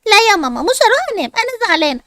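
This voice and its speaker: A woman's voice: very high-pitched, sing-song, racing, fairly bright tone, no room sound, full character voice. A woman with an Egyptian accent voicing a jealous, suspicious young girl who complains sulkily, in a dry recording. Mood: sulky. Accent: Egyptian Arabic. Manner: sulky, complaining.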